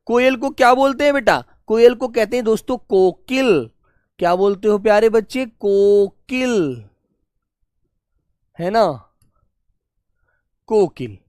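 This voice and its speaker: A man's voice: high-pitched, normal speed, dry recording. Patient male teacher, dry close voice. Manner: repeats questions to pupils, calls them "beta"; gently scolding, patient explainer. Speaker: Hindi teacher. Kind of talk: live online exam-prep class.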